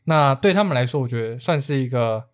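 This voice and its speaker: A man's voice: medium pitch, expressive, fairly quick. A man with a Taiwanese accent hosting a podcast, explaining things casually in an easygoing, jokey way. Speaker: podcast host.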